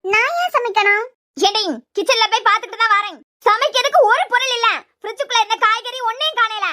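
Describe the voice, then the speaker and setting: A performer voicing a quarrelsome cartoon housewife with a Kanyakumari Tamil accent, scolding in sharp retorts. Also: fairly even intonation, fast. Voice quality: very high, squeaky cartoon voice. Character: quarrelsome housewife of a joint family. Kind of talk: cartoon web series dialogue.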